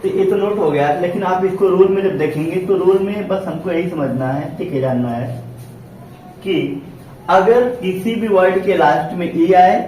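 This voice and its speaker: A man's voice: high-pitched, moderate pace, darkish tone. A man teaching an English pronunciation lesson in a classroom, repeating "okay" often and asking and answering his own questions. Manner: repetitive, checks in with "ठीक है" constantly, asks and answers own questions. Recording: very echoey room, distant mic, faint noise.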